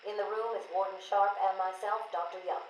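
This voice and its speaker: An actress playing a composed, clinical asylum psychiatrist, heard as an interview played from a cassette tape. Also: female voice, medium pitch, fairly even intonation, a little fast. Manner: composed, clinical, turning alarmed under provocation. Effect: played back from an interview cassette tape. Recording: echoey taped room with faint hiss.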